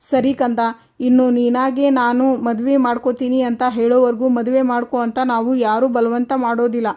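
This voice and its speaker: A man's voice: extremely high pitch, little pitch movement, fairly quick, a little mellow. A woman voicing a stern middle-aged father, a former police officer, firm yet tender with his daughter, in a retold television serial.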